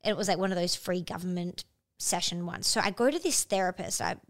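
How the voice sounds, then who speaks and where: A young Australian woman telling stories in a casual podcast chat; she is animated, laughs often and swears casually. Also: on the low side, a little fast.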